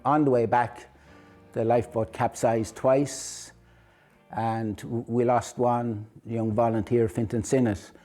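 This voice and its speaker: An Irish man, an operations manager, giving a measured account in an interview. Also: medium pitch, level tone, warm tone, faint music behind.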